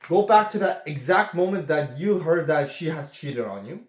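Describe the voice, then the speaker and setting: This man coaches on relationships in an earnest, slow monologue, returning again and again to "okay?". His fairly high voice is expressive, and the recording is reverberant.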